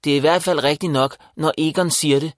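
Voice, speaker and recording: A man voicing a bold, excitable young village boy in a children's audiobook, with an emphatic manner. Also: on the high side, dry recording, voice pushed up, lightly acted. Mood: indignant. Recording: dry close voice.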